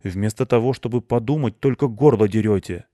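A man's voice: fairly low pitch, moderate pace, darkish tone, no room sound, clean studio sound, close to an everyday voice. A man voicing a self-important male hedgehog who lectures in a storybook. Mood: lecturing. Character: pompous know-it-all male hedgehog.

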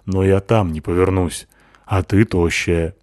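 A man voicing a tough, blunt woman who talks in a gruff, coarse, matter-of-fact way. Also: low-pitched, steady tone, measured pace, darkish tone, no room sound, clean studio sound.

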